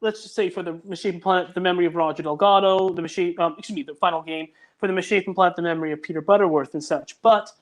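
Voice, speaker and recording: Racing along with few pauses, this man has a high voice and fairly even intonation. He writes audio dramas and is talking casually as a video-call guest, thinking aloud about his story.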